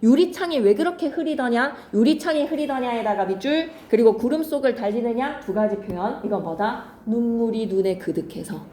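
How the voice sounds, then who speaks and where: A woman teaching a poetry lesson to students, lively, switching between polite and casual speech and acting out lines dramatically. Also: a little high, fairly quick, hardly any pauses, reverberant. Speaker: Korean literature teacher. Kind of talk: classroom lecture on poetry.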